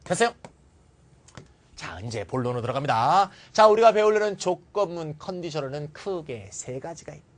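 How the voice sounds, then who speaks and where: A man's voice: fairly high pitch, moderate pace. A man teaching an English grammar lecture, asking questions and answering them himself, and ranting bluntly. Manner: animated, rants and scolds in blunt slang. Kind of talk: classroom lecture.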